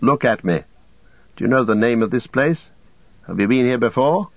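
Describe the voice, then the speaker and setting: A man voicing a stern male captain who passes judgment in formal, solemn and deliberate speech. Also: medium pitch, expressive, dry recording, phone-quality sound. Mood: stern, grave. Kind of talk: audiobook character voice.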